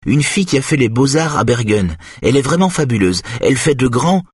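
A man's voice: mid-range voice, expressive, brisk, husky, dry recording, studio quality, voice pushed up. A man voicing a cheerful, playful adult woman in an audiobook, speaking in a raised, amused tone. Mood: eager. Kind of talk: audiobook character voice.

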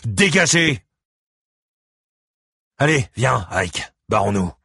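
A man's voice: low voice, very animated, normal speed, husky, dry recording, studio quality, heavily acted. A man voicing a wary, wry adult male friend in an audiobook, talking cautiously. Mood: urgent.

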